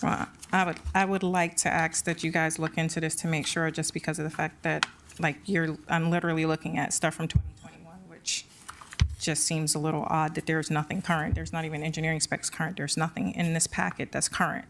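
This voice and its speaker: A woman's voice: low voice, gravelly. A woman, a town commissioner, who presses her concerns in an earnest, insistent way during a commission meeting. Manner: earnest, confused and insistent, fast and lively. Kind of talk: meeting debate.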